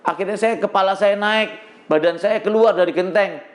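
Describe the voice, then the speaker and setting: A middle-aged man from Indonesia preaching, telling a dramatic personal testimony to a congregation, acting out shouts and prayers as he goes. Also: high-pitched, moderate pace. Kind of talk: sermon testimony.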